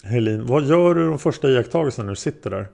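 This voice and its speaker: A man's voice: mid-range voice, expressive, creaky, darkish tone. A man voicing a male prosecutor who questions a witness step by step, in a methodical way. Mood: probing.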